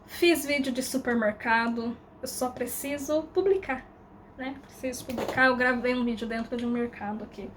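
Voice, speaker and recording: High-voiced Brazilian woman musing casually. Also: moderate pace, slight background noise. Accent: Brazilian Portuguese. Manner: candid and rambling, with slang, swearing and trailing fillers. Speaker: vlogger. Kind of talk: casual reflective monologue to camera.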